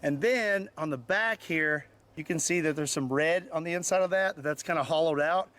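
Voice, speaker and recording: High-pitched excitable American man outdoors. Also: normal speed. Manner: excitable, exclaiming. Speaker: host of a shooting video. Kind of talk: casual, unscripted outdoor demonstration talk. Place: outdoors at a shooting range.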